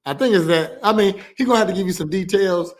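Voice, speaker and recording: A man's voice: high voice, fast talker. A man hosting a casual podcast, rambling with lots of fillers and restarts. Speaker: podcast host.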